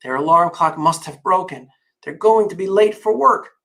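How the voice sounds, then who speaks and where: A man voicing a cheerful little girl who yells to wake everyone up, stretching out her high, loud call. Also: moderate pace, gravelly, distant mic. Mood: fretting.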